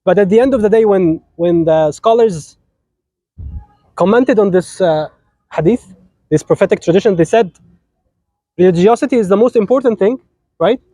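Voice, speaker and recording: Leading a wedding ceremony, a young Egyptian officiant speaks at a normal pace with long pauses, his high-pitched voice mellow and recorded dry. A mild illness leaves his voice below full strength, but his lively sermon stays playful as he teases the couple, moving back and forth between English and Arabic.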